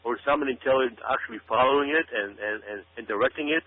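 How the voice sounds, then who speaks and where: A mid-range male voice races along very fast as a radio show guest lays out conspiracy-minded commentary. He speaks emphatically, repeating words and phrases for stress, over narrow, phone-like radio sound.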